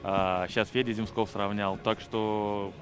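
Low-voiced man in outdoor interview. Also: level tone, measured pace. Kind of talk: casual post-match interview. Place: outdoor ice rink. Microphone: handheld reporter microphone. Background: faint music.

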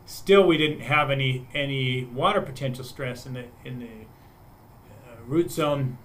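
A man's voice: medium pitch, measured pace. A man on a webinar panel explaining soil moisture data, talking through it with frequent restarts and repeated words. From United States.

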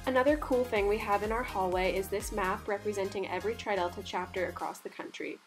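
A woman's voice: medium pitch, fairly even intonation, quick pace, loud music behind the voice. A young woman giving scripted voice-over narration for a house tour, upbeat and informative. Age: young adult.

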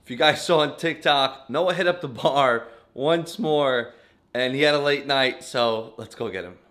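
A man in his thirties, filming himself at arm's length for a family vlog, talks casually to the camera and a pet. His voice is medium-pitched and fairly bright, his pace a little slow, and the sound is dry despite clear background noise. Most of the recording is outdoors at a marina and patio, followed by the garage and home.

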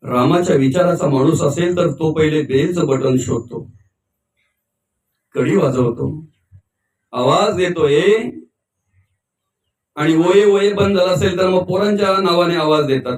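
High-voiced preacher in an echoey hall. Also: male voice. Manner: storytelling, acting out quoted voices, shouting at peaks. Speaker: kirtan preacher. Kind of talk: devotional sermon. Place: memorial gathering. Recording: echoey, from a distance.

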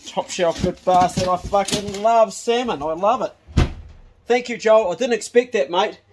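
A man's voice: high-pitched, measured pace, background noise. A middle-aged man with a broad New Zealand accent, chatting casually to camera in a laid-back, blokey, slangy way. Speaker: vlogger. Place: around a house: kitchen, yard and glasshouse. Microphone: phone at arm's length.

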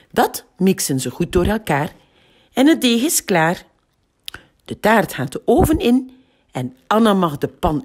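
A woman with a Flemish accent reads a children's picture book slowly. Her voice is low and a little husky, and it rises and falls in a very lively way. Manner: slow, lively, expressive storytelling. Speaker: library storyteller.

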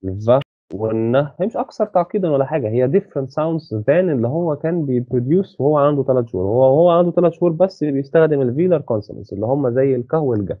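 Man, egyptian arabic accent, tutoring lesson, slow reading then quick explaining, hesitant restarts, phone-like audio, dry. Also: medium pitch, no echo. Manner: many hesitant restarts, checks understanding. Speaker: university lecturer. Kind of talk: lecture explaining a textbook, mixing Arabic and English.

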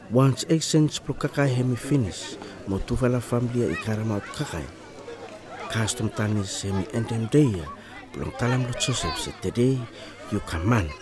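Against crowd noise, a man delivers scripted documentary narration in Bislama, the ni-Vanuatu Melanesian pidgin that closely resembles Solomon Islands Pidgin. His voice is medium in pitch and his pace moderate.

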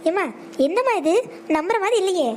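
A woman playing an earnest grown son in a cartoon skit, in a very high voice. He questions his mother and then pleads with her apologetically. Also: lively intonation, a little fast, slight background noise. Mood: questioning.

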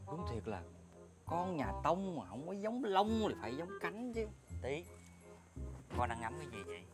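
A man's voice: fairly high pitch, big pitch swings, moderate pace, over music. An actor with a Southern Vietnamese accent playing a quirky, teasing father who talks to his son about orchids.

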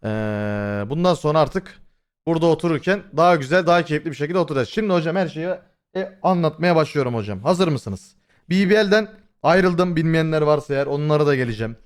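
Young guy streamer, talks to his chat, fairly high voice, swearing and rambling with lots of ums. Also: animated, a little fast, clean tone. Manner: swears freely and addresses chat directly; rambling storytelling with many fillers. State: voice has been hoarse lately. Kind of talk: casual livestream chat.

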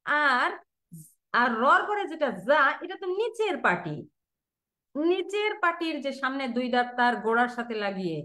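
A woman teaching Quran pronunciation in an online class, patiently repeating letter sounds slowly for her students over a video call. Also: sits high, big pitch swings, pushed and bright.

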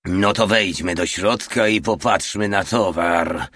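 A man's voice: sits low, measured pace, a bit bright, dry recording, clean studio sound. Man doing a bossy, hot-tempered commissar. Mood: commanding.

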